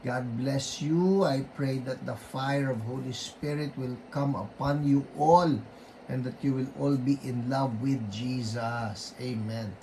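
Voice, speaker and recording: A Filipino man leads an online healing service at an unhurried pace, reading out viewers' names in a mix of Tagalog and English. He keeps his voice low to spare it, then breaks into firm prayers against sickness. A faint noise sits under the recording. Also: steady tone, rough recording. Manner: greets viewers by name, mixing Tagalog and English; rebukes illnesses in forceful prayer bursts. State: keeping his voice low after weeks of voice trouble. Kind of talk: livestream greetings and prayer.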